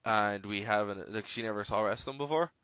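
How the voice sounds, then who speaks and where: Rambling Irish podcast host, dry sound. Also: male voice, fairly low pitch, fairly quick, bright, forceful tone, smooth, dry recording. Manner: rambling, leans heavily on "you know". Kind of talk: casual podcast chat.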